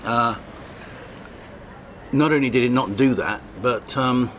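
As a guest being interviewed, a veteran journalist, an older man, responds hesitantly and wryly, pausing often and restarting his sentences. His medium-pitched voice sounds a bit bright, with a little hiss or hum in the recording.

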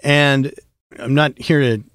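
Animated middle-aged man, dry close sound. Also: mid-range voice, slow, dry recording. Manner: animated, storytelling, frequent restarts. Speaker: podcast guest, voice actor. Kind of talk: casual conversation.

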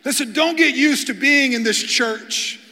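A male guest pastor tells humorous stories from the pulpit, often stumbling over repeated words as he starts a sentence. His voice sits high and sounds bright and forceful. The large church hall gives it a long, ringing reverb. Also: a little slow. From Kentucky, USA. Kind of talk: storytelling sermon.

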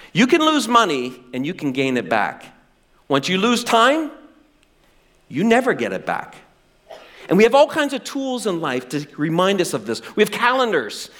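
A middle-aged male pastor preaching a sermon with animated, self-deprecating humor. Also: fairly high pitch.

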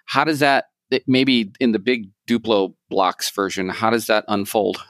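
A man's voice: on the low side, a little slow, a bit bright, no room sound. A man hosting a podcast interview, casual and eager, often stammering on repeated words. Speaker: podcast host. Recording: dry close sound.

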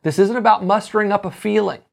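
A preacher delivering a sermon, emphatic and exhorting, slowing down on key phrases. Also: medium pitch, vocal fry.

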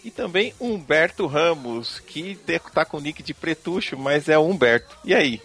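A man's voice: on the high side, lively intonation, normal speed, a bit bright, husky. A man hosting a casual live podcast chat. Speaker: podcast host.

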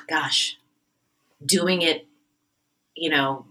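Animated, chatty stage actress telling stories. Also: female voice, low voice, very slow, rough recording. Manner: animated, chatty, self-interrupting. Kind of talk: anecdotal interview storytelling.

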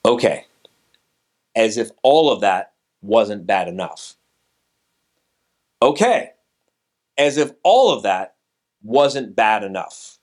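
A man's voice: on the low side, very animated, slow pace, long pauses. A man hosting a podcast, joking around in the studio during bloopers in a playful, teasing way. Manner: playful, teasing, mock-directorial. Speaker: podcast host. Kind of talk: casual studio banter and bloopers. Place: recording studio.

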